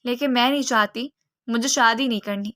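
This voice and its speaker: A woman's voice: a little high, a bit bright, no room sound, clean studio sound, close to an everyday voice. A woman voicing a tearful, frightened young bride. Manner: tearful, pleading.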